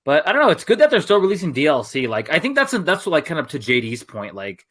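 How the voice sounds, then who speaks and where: A man's voice: fairly high pitch, fast talker, slightly rough. A man co-hosting a podcast, chatting casually in a rambling way full of fillers. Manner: animated, rambling with many fillers. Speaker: podcast co-host. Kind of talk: casual chat.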